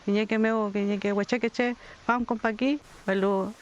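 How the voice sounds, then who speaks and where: An older community leader from southern Chile, giving a slow, reflective documentary testimony with pauses. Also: mid-range voice, steady tone, lo-fi sound. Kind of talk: documentary testimony mixing Spanish and Mapudungun.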